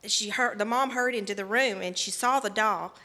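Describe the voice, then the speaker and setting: A woman telling a children's story during a church service, in an animated, storytelling way. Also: mid-range voice, fairly quick, long reverb tail. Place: church sanctuary.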